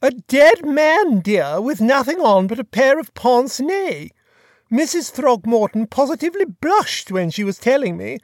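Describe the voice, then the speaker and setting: A narrator voicing an elderly dowager duchess who gossips slowly and emphatically on the telephone, in an audiobook. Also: high-pitched, big pitch swings, dry recording, clean studio sound, voice pushed up, heavily acted. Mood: gossiping. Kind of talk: audiobook dialogue.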